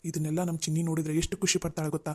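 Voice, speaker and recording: Someone voicing a gentle cartoon schoolteacher husband. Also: medium pitch, very fast, husky, natural voice. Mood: relieved. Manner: calm, soothing, reassuring. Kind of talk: Kannada cartoon dubbing.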